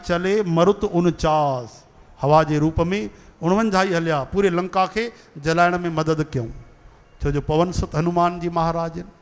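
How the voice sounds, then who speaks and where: A man's voice: fairly high pitch, clear, resonant tone, big-room sound. A man with a Sindhi accent giving a devotional sermon, telling stories and leading call-and-response chants. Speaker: kathavachak, religious storyteller.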